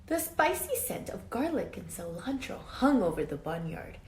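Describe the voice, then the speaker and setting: A woman reads a children's picture book aloud with great expression, using dramatic emphasis and hushed asides, and pauses to quiz young listeners like a teacher. Her voice is fairly high and very animated, heard with roomy echo and faint background noise.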